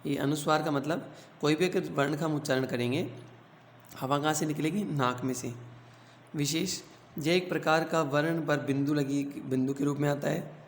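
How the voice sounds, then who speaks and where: A man teaching a grammar lesson to schoolchildren. He explains slowly, asks the class questions and then answers them himself. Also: on the high side, steady tone. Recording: echoey room with faint hum.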